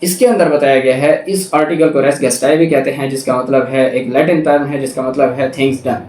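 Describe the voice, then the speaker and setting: Speaking fairly quickly with fairly even intonation, a man from Pakistan with a mid-range, slightly mellow voice reads formal legal text and then carefully rephrases it, repeating points and dropping in English legal terminology. The lecture was captured by a distant microphone in an echoey space.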